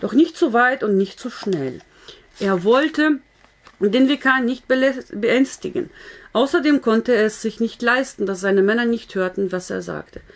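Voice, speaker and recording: A woman reading a historical novel aloud in a steady narrating voice, now and then correcting a slipped word. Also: a little high, measured pace. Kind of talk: audiobook-style story reading.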